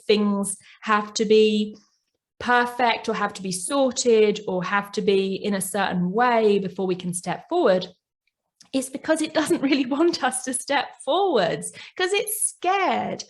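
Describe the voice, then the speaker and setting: A woman hosting a reflective self-help podcast. She talks gently and often checks in with "right?". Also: mid-range voice, a little slow. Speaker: podcast host and coach.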